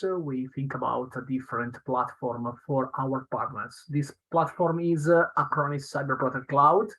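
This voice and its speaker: A man from Italy with an Italian accent presents a webinar in halting, broken non-native English, as a solution engineer going through slides. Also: mid-range voice, slightly rough, rough recording. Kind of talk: semi-scripted slide presentation.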